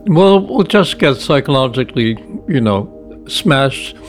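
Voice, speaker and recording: Man with a husky whiskey voice. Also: medium pitch, lively intonation, measured pace, faint music behind. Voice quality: husky whiskey voice, not yet warmed up. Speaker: interviewer in conversation with a guest. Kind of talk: casual conversation.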